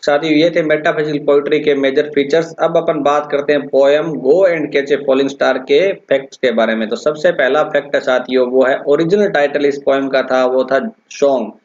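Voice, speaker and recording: A male English lecturer giving an exam-prep lesson, explaining a poem and repeatedly addressing his students, slowing down to recite lines. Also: a little high, fairly even intonation, darkish tone. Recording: dull lo-fi recording.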